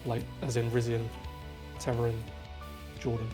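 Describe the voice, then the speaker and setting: A man's voice: mid-range voice, completely flat delivery, moderate pace, music in the background. A man leading a raid group, patiently explaining positions step by step, heard over group voice chat. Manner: methodical, patient step-by-step calls. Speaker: raid leader.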